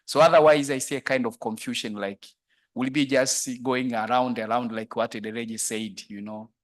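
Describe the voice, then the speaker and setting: Floor speaker: man from Tanzania, halting and filler-heavy, medium pitch. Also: fairly even intonation. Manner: rambling, hesitant, many fillers. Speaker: audience member asking a question. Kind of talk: conference floor question.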